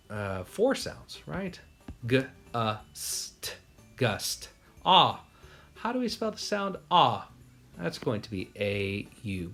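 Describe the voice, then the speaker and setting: Brief: male teacher with an American accent, gravelly voice, breaks words into sounds for kids. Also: medium pitch, a bit bright. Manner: sounds out words slowly, asks rhetorical questions. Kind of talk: spelling lesson.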